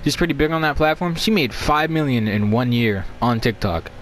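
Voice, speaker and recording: A man's voice: medium pitch, fairly even intonation, moderate pace, a bit bright, slight background noise. A young man co-hosting a podcast in casual, slangy banter, repeating himself for emphasis. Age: young adult. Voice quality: slangy speech. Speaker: podcast co-host.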